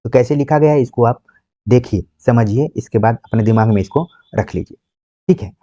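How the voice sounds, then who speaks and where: A man's voice: medium pitch, moderate pace, dark tone, dry recording, lo-fi sound. A man teaching Hindi spelling for exams, patiently repeating examples and asking rhetorical questions. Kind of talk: exam-prep grammar lecture.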